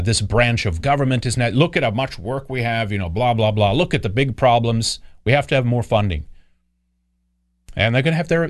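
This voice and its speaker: A man hosting a podcast, giving rambling, sarcastic commentary and often restarting his sentences. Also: medium pitch. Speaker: podcast host. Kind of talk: casual political commentary.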